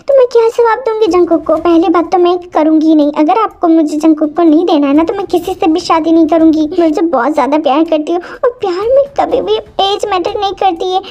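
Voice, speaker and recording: A woman's voice: very high voice, a little mellow. A woman voicing a devoted young wife who pleads emotionally with her mother-in-law in a fan storybook reading.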